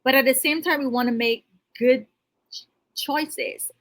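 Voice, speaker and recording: Woman, high-ish voice, financial coach, natural unscripted talk, emphatic, motivational, conversational interview. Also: fairly even intonation, a little slow, fairly bright tone. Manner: natural unscripted talk, restarts mid-thought; emphatic, motivational, addresses listener directly.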